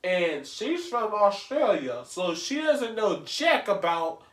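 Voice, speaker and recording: A man's voice: high voice, very animated, takes it slowly, fairly bright tone. A man giving slangy, casual reaction commentary and acting out imagined exchanges. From Louisiana, US. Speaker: reaction video host. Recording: echoey room.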